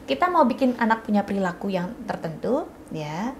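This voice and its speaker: A woman's voice: mid-range voice, sing-song, normal speed, a little hiss or hum. A middle-aged woman giving parenting advice in a casual chat, firm and patient as she explains. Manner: firm, explains patiently, mixes in English phrases. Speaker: parenting expert guest.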